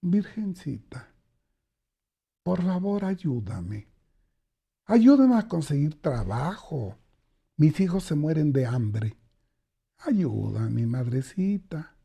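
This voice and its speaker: A man's voice: fairly high pitch, sing-song, unhurried, husky, exaggerated voice. A man voicing a desperate, unemployed poor man who murmurs pleas and temptations under his breath. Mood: pleading. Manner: hushed, pleading murmur, dropping to whispers.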